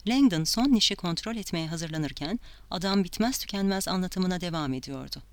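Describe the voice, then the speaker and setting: A reader narrating an audiobook chapter in a steady, measured way. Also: mid-range voice, no room sound.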